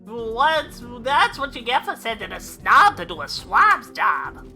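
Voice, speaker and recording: A woman voicing a brash, cheeky young male deckhand in a game, loud and mocking. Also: a little high, big pitch swings, unhurried, faint music behind, voice pushed up, heavily acted. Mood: cocky.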